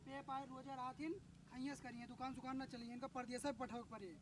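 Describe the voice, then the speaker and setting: An agitated villager played by a man with a very high voice and an Awadhi accent, pleading for help for his friend. It is a homemade comedy sketch, picked up from a distance over clear background noise. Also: level tone, fairly quick. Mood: dismayed. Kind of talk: amateur comedy sketch dialogue. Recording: noisy, distant amateur video sound.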